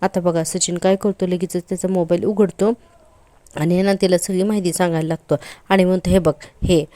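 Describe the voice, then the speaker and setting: A woman's voice: lowish voice, steady tone, brisk, dark tone, no echo. A woman recapping a TV serial episode in storytelling style, addressing the viewers directly. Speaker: serial reviewer.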